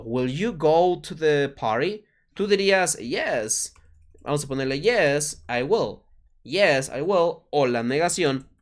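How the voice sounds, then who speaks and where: A man with a slightly high-pitched voice teaches English grammar to Spanish speakers, explaining step by step. He keeps checking that the viewer is following and slows down to repeat the English example sentences. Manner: explains patiently, checks in with "¿vale?" and "¿ok?". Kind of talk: online grammar lesson.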